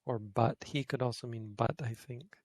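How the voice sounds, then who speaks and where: A man's voice: mid-range voice, steady tone, normal speed. A man, a Buddhist monk, giving an informal grammar lesson to a study group, thinking aloud and correcting himself as he goes. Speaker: Buddhist monk teaching Pali.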